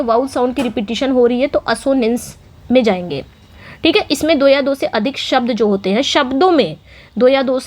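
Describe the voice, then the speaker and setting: A young woman with a high voice teaches an English exam-prep lesson. She explains in with English terms mixed in, reads the English questions slowly, and asks and answers her own questions.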